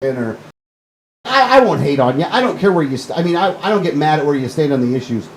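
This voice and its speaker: A man's voice: fairly high pitch, expressive, fast talker, poor audio. A man hosting a casual political talk show from a studio, joking and laughing often. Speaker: podcast host. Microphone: studio mic.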